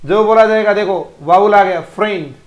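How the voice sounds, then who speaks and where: A man's voice: high voice, moderate pace, echoey room. A male online teacher with an Indian Hindi accent drills English pronunciation, repeating words aloud and praising students by name. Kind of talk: live online phonetics class.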